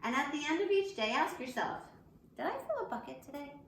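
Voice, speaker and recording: The teacher's voice sits high and sounds a bit bright, and she is very animated and fairly quick as she reads a picture book to her young elementary pupils. Her asides are simple and encouraging. Faint background noise and echo fill the room.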